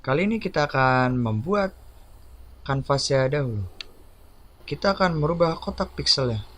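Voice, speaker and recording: A man narrating a step-by-step software tutorial over a screen recording, giving plain instructions one by one. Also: fairly high pitch, lively intonation, moderate pace.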